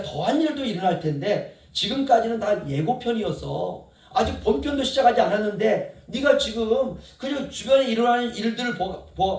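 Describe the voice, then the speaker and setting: A stern male God figure brushes off a prophet's complaints in a blunt, dismissive scolding tone, as a preacher puts him on. The voice is high and lively. It echoes through a roomy church from a distant mic.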